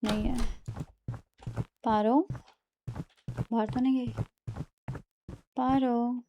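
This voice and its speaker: High-voiced woman narrating a game. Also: steady tone, extremely slow, noisy background. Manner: reactive and dramatic, talking to the game character. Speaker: gaming streamer. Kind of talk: let's play commentary.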